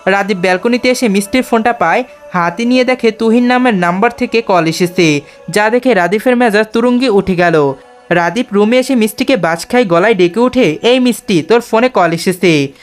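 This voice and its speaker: A woman narrating a scripted story in a steady, even reading voice. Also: medium pitch, a little fast. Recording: faint background music.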